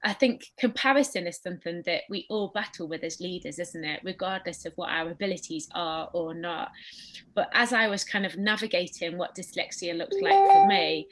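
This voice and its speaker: A woman shares reflections on a leadership panel, earnest and measured, walking through her points in order. Her voice sits a bit low for a woman. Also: lively intonation. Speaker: panel speaker. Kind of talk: reflective talk on a faith-based leadership panel.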